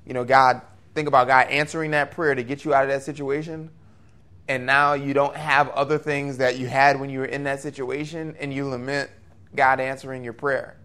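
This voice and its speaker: A man preaching a sermon, his voice at a middling pitch. He talks in an earnest, conversational way, lifting his voice for emphasis and dropping into quick asides. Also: flat delivery, bright, forceful tone. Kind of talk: expository sermon.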